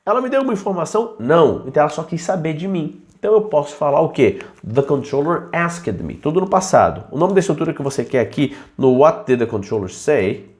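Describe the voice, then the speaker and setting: A man teaching aviation English in a chatty video lesson, reading English examples slowly. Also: a little high, animated, a little mellow.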